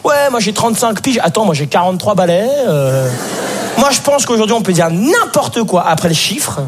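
A young man doing stand-up, his high voice swooping up and down as he rattles through his bits. The live stage recording is noisy. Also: normal speed. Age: teens. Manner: lively, jumps into shrill put-on voices. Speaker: stand-up comedian. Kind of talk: stand-up comedy. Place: theatre stage. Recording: live show, noisy crowd.

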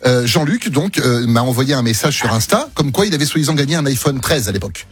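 A man with an accent from France and a husky voice, telling a casual story enthusiastically as a radio guest. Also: mid-range voice, animated, fast. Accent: French from France.

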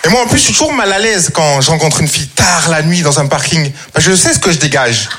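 A man's voice: fairly high pitch, expressive, fast. A man doing a chatty stand-up routine on stage, talking straight to the audience. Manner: chatty, addresses audience with "tu vois". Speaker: stand-up comedian. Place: comedy stage before a live audience. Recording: live show with crowd noise. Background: audience laughter.

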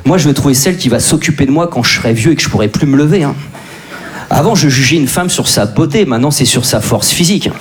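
Quick-paced with lively intonation, this mid-range male voice belongs to a comedian in his forties. His live stand-up set, performed before an audience, is crude, brash, and self-deprecating.

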